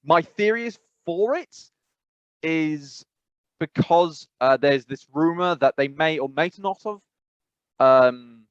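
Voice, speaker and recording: Slow and a little high, with a clean tone and no room sound, an Englishman co-hosts a relaxed podcast. His speech rambles with lots of fillers and false starts, punctuated by laughter, captured on a dry, dull lo-fi mic.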